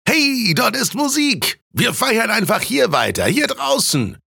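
A man voicing a group of rowdy, drunk young male students who shout and slur, pitched high above his own voice. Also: big pitch swings, measured pace, creaky, slightly rough, no room sound, clean studio sound, full character voice.

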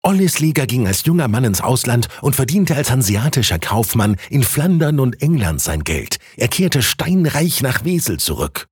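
Guy voicing a gossipy know-it-all townsman in a story, slightly raised voice, husky and lively. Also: mid-range voice, moderate pace, hardly any pauses, no echo, studio quality, voice pushed up. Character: knowing, gossipy male townsman neighbor.

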